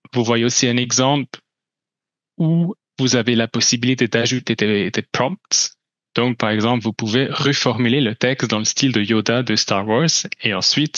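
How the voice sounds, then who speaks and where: In a medium-pitched, fairly bright voice, a company presenter from Switzerland talks hesitantly through a slide-supported conference talk. His first language is German, and he restarts often and uses many fillers. The recording is dull, with no echo.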